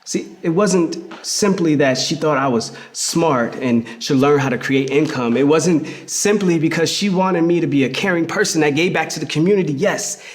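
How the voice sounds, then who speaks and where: Over background music, an actor gives a dramatic reading of a memoir, playing a reflective queer man who fondly recalls his hustling grandmother. His fairly high voice is lightly acted and his mood fond and earnest. The theatrical first-person monologue is told conversationally, with emphatic storytelling, pauses and repeated words.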